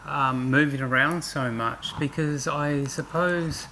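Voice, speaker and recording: A woman's voice: low voice, fairly even intonation, takes it slowly, a bit bright, a little hiss or hum. A woman hosting a casual interview, asking her co-host questions in a hesitant way with many ums.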